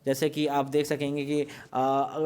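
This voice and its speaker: A man leads a revision lesson, his voice sitting a little high and staying smooth and resonant. He speaks with a fairly narrow pitch range, laying out each idea patiently and slipping English words into the explanation. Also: monotone, darkish tone. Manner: explains slowly, mixing English terms into Hindi. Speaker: teacher. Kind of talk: exam revision lecture.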